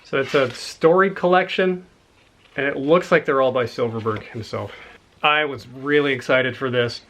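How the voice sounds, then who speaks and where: A man's voice: medium pitch, normal speed, fairly bright tone. A man in a casual, rambling chat about books he has found, enthusiastic and a little out of breath. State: slightly out of breath. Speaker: book collector showing a haul.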